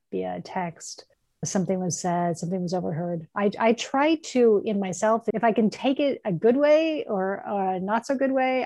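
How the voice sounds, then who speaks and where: A woman co-hosting a casual chat, speaking in a gentle, reflective and affirming way. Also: medium pitch, no echo. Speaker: podcast co-host. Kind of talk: casual faith-based chat.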